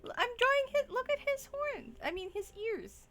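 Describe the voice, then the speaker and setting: A woman artist chatting casually on a stream while she draws, thinking aloud in a relaxed way. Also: very high voice, normal speed, soft background music. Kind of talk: casual chat while drawing.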